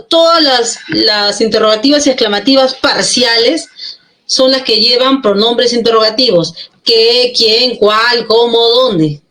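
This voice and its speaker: A woman teaching a grammar lesson who explains step by step and keeps checking in with quick questions. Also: fairly high pitch, a bit bright. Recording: echoey room.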